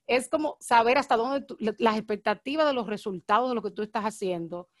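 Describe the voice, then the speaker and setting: A married woman, hosting a casual podcast chat and talking very fast and excitably. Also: fairly high pitch, no room sound, studio quality. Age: adult, married. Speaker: podcast host.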